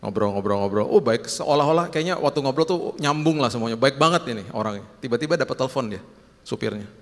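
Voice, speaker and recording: A man preaching a sermon as pastor, telling lively stories and acting out the dialogue. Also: mid-range voice, fast. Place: church hall. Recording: long reverb in a church hall.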